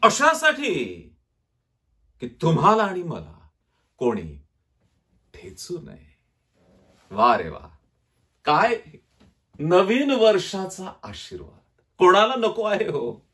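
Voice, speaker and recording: Male pastor, Marathi accent, high voice, dramatic sermon delivery with quiet low drops. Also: huge pitch swings, takes it slowly, pauses often.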